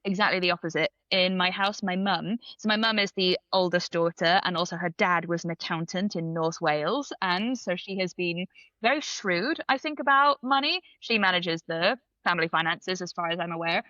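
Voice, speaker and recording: A woman's voice: on the low side, normal speed, pushed and bright, dry recording, lo-fi sound. A woman from Belgium with British parents, a guest chatting on a podcast, laughing between thoughts and hedging often. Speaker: guest, writer and comedian. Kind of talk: casual podcast chat.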